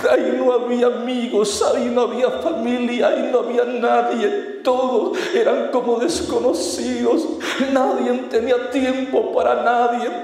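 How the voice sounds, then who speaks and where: A man's voice: very high-pitched, little pitch movement, normal speed, darkish tone. A man preaching as an evangelist, giving an impassioned sermon testimony with repeated appeals to his brethren. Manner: impassioned, repetitive, addresses brethren. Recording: echoey hall.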